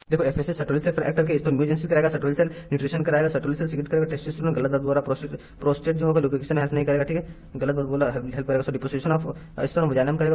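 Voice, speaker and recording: Fast-talking man teaching biology. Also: fairly high pitch, darkish tone. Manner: rapid-fire, mixing Hindi and English terms, checking statements right or wrong. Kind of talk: rapid exam revision lecture.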